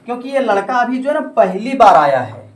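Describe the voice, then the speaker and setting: A man's voice: very high voice, big pitch swings, brisk, background noise. A man tutoring a classroom in English grammar. He keeps asking questions and leaves sentences unfinished for the students to complete. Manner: prompts the class to finish his sentences. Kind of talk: classroom lesson. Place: coaching classroom. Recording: roomy classroom from a distance. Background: students chattering and answering.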